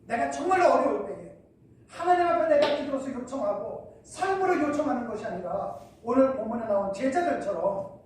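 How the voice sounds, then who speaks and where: High-voiced pastor preaching in echoey church. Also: male voice, a little mellow, recorded from a distance, slight background noise. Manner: preaching with rhetorical questions. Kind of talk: sermon. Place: church hall.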